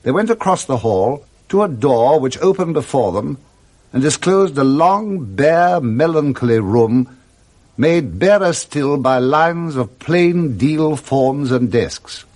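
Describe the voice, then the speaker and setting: A man narrates a literary tale for a 1960s radio drama, theatrical and expressive in his storytelling. His voice is a little high and his pace slow.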